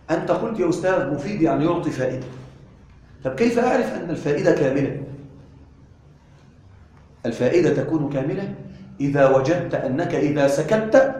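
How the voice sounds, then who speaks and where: An Arabic grammar teacher with a fairly high voice delivers a classroom lecture in a very echoey room. He's lively and animated, often asking the class questions to make sure they're following.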